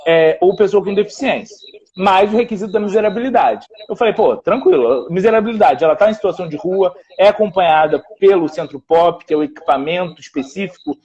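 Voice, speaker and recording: A man's voice: high-pitched, warm tone, muffled recording. A man, a public defender telling a story in a live panel talk and quoting others in dialogue.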